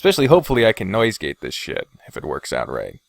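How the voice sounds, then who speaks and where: A solo podcast host and video creator chats casually from his bedroom into a Blue Snowball omnidirectional USB mic, his man's voice lowish, gravelly and fast, with pitch that swoops wildly. He's self-deprecating and sweary and keeps drifting into digressions. The recording is dry.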